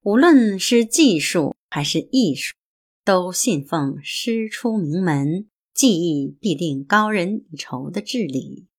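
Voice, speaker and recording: A woman host reading an essay aloud in a measured, deliberate way. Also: lowish voice, lively intonation, slightly rough.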